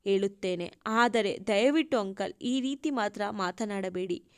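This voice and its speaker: A woman's voice: mid-range voice, a little slow, clean tone, no room sound, studio quality, pitched below the performer's own voice, close to an everyday voice. A woman voicing a young woman who pleads through tears. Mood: pleading. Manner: sobbing, pleading.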